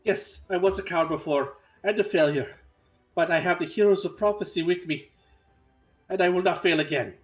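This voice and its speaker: Man playing a defiant, emphatic heroine, raised pitch. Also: moderate pace, faint music behind, close to an everyday voice. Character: earnest, defiant heroine facing her past cowardice.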